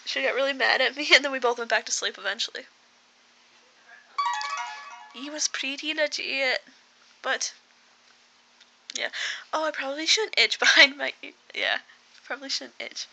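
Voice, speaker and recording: A woman's voice: sits high, moderate pace, vocal fry, long pauses, sharp tone, faint music behind. A teenage girl chatting to her webcam in a bubbly, rambling, playful way at a friend's house. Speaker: vlogger. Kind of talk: casual vlog chat to camera. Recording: noisy home recording.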